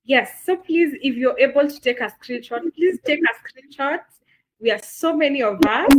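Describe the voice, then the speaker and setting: High-pitched and expressive at a normal speed, a Kenyan-accented woman delivers the closing remarks of an online masterclass as moderator. She's enthusiastic, leaning on fillers and repeated words, and the recording is rough.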